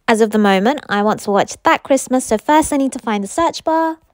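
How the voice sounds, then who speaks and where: A woman's voice: fairly high pitch, expressive, a little fast, no echo. A young adult woman giving an explanatory talk as a presenter, recorded indoors in a living room. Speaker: presenter demonstrating phone accessibility.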